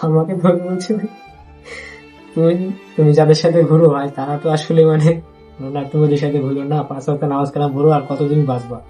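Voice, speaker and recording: Young guy, rajshahi bengali accent, telling his story all halting and repetitive, kinda high but mellow voice, faint music behind. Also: little pitch movement. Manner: halting and repetitive, with many restarts. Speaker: interviewee. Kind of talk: recounting a personal story.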